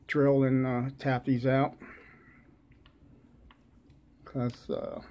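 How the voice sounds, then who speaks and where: A man with a New York accent chatting casually as he unboxes a package, halting often with fillers while sucking a lozenge. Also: medium pitch, muffled recording. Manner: slow, halting, many uh fillers, relaxed. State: unwell, lozenge in mouth. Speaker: lock-picking channel host.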